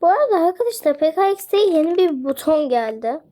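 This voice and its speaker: A young woman casually commenting on a mobile game as she plays, excitable and often crying out in delight. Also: very high-pitched, a little fast. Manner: excitable, squeals and cries out in delight. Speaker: gaming channel host.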